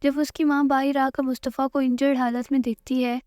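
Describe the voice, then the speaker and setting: High-voiced woman narrating a drama recap. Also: no echo, clean studio sound. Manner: steady storytelling read.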